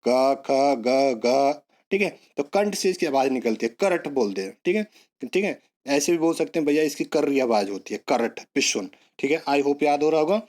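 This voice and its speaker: A man's voice: fairly high pitch, expressive, moderate pace, a little mellow. A male teacher giving an online exam-prep lesson, repeating words and coaxing students along with memory tricks.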